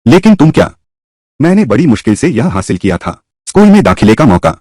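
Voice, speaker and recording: A harsh, scolding father who heads the household, played by a man. His pitch rises and falls a lot, and his voice is slightly husky. The audio is dry and close in this dubbed drama. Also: very animated, brisk, darkish tone, dry recording. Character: stern angry middle-aged father, head of house.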